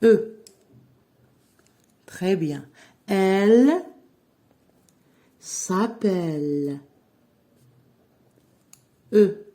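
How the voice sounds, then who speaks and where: Slow, spelling-out woman teacher. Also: medium pitch, mellow. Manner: dictates slowly, spells out verb endings letter by letter. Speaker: French teacher. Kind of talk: slow classroom-style grammar lesson.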